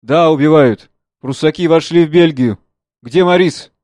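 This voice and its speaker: A man voicing a grave, shaken middle-aged gentleman in a dramatic play reading, speaking in a measured, somber way. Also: fairly high pitch, no room sound, lightly acted.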